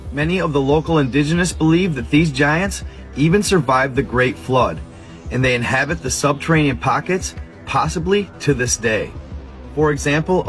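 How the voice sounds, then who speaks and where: Guy telling creepy legend stories, kinda high voice, soft music playing under. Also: slightly rough, no echo. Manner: dramatic, suspenseful storytelling. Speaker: narrator. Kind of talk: storytelling narration. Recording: faint music behind.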